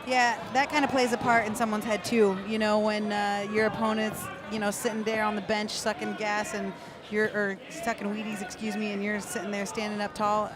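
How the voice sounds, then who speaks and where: A woman's voice: mid-range voice, level tone, moderate pace, noisy background. A woman giving live fight commentary as an analyst, explaining technique in a conversational way. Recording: live fight with crowd behind.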